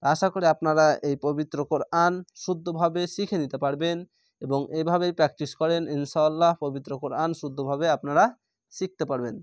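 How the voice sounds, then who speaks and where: Man slowly spelling out recitation. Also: fairly high pitch, fairly even intonation, no room sound, clean studio sound. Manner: spells syllables aloud, then chants words slowly and drawn out. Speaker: Quran reading teacher. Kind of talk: slow spelled-out recitation lesson.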